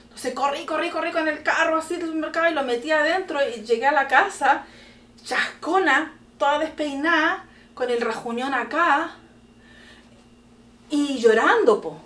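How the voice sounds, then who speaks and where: Lively, high-voiced Chilean woman storytelling. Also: normal speed, recorded from a distance. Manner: animated, laughing often, exclamatory. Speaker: podcast host telling a story to her daughter. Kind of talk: casual storytelling chat. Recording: echoey room, voice from off the mic.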